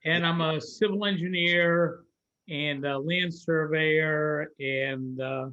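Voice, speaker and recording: A man of Greek origin, a civil engineer, chatting on a video call in slow, searching phrases. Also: a little high, steady tone, bright, forceful tone, dull audio. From Greece. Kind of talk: casual video-call chat.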